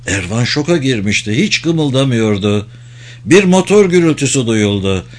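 A man reading a novel aloud as an audiobook narrator, in a measured, steady storytelling delivery. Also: mid-range voice. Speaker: audiobook reader.

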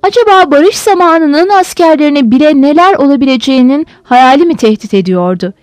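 Expressive woman narrating a novel. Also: high voice, a little fast, no room sound. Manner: expressive storytelling. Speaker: audiobook narrator. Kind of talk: scripted narration.

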